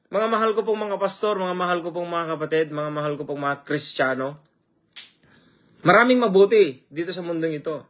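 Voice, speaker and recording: A man's voice: high voice, fairly bright tone. A man preaching a sermon, firing rhetorical questions at his listeners and mixing English phrases into his talk. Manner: greets viewers by name mid-sermon.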